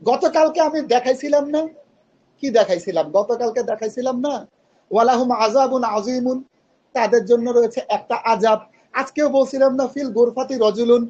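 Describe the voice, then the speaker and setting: Male grammar teacher, high pitched, patient and questioning, muffled online-class sound. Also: a little mellow. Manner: patient, questioning students, mixes English terms.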